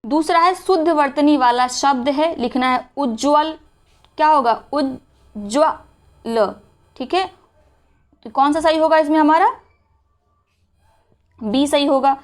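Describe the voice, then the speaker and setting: High-voiced woman teaching spelling. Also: moderate pace. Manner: explains step by step, asks and answers her own questions. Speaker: Hindi teacher. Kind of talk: exam-prep spelling lesson.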